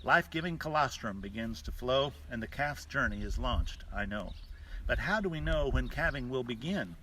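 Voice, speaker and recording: A man's voice: medium pitch, lively intonation, normal speed, sharp tone. Man reciting cowboy poetry, distant and noisy outdoors. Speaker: rancher hosting a live stream from a ranch. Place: outdoors on a cattle ranch. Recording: distant mic outdoors, noisy with bawling cattle. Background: cattle mooing.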